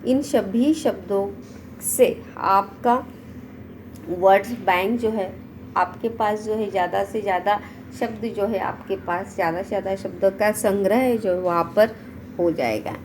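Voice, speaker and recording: Woman teacher, unhurried, going word by word through vocab lists, faint hiss. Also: mid-range voice, darkish tone, low-quality recording. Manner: reads word lists aloud one by one, explaining in between. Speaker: English teacher. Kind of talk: slow online vocabulary lesson.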